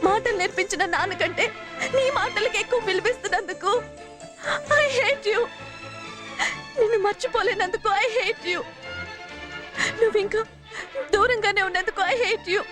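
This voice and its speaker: A woman's voice: high voice, lively intonation, brisk, long pauses, over music. An actress playing a young woman in an emotional film drama, talking earnestly and pleading. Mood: heartbroken. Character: young woman torn between her love and her father.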